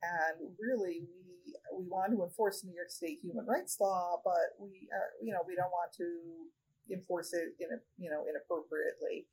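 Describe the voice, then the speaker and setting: Husky-voiced woman with a measured manner. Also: fairly low pitch, darkish tone, low-quality recording. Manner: measured, many fillers and restarts. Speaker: regional director of a state human rights agency, podcast guest. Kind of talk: conversational interview answers.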